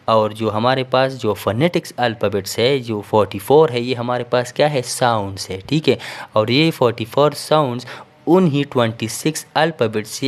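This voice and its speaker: A man giving a recorded lesson, explaining slowly and checking in with the listener after each point. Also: mid-range voice. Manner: explains patiently, repeats "theek hai" and fillers. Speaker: teacher. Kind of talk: recorded classroom lecture.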